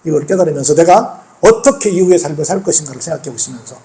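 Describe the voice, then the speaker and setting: A man's voice: fairly high pitch, expressive, fast talker, dark tone. A male pastor preaching a sermon in church, telling the story conversationally and peppering the congregation with rhetorical questions.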